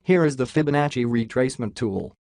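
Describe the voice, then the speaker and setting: A man's voice comes through a robot voice filter, sitting at a middling pitch. He talks casually over a screen share of price charts and drops jokes as he goes. The sound is dry and close, with no room around it. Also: brisk, a little mellow, no echo. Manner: jokey, says "lol" aloud. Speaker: crypto chart analyst.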